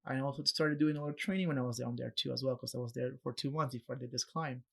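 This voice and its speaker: A man's voice: fast, gravelly. A young man from Peru, a podcast guest, casually telling a story and acting out the voices of people he quotes. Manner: animated, acts out quoted voices with raised pitch.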